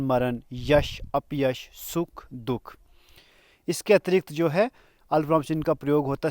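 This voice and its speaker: A man teaching a grammar lesson in a slow, explanatory way, pausing between examples and coughing now and then. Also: mid-range voice, no room sound, studio quality.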